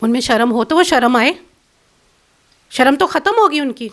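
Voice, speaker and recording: A woman's voice: high voice, animated, a bit bright. A middle-aged woman from Pakistan, a guest in an interview, speaking in a bitter, accusing and insistent way. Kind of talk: emotional complaint in an interview.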